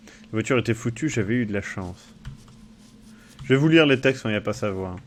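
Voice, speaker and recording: A man's voice: fairly low pitch, expressive, a little fast, a little hiss or hum. A young man casually commenting on a game he plays live, chatting with viewers, swearing now and then, and reading on-screen text aloud. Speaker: game streamer.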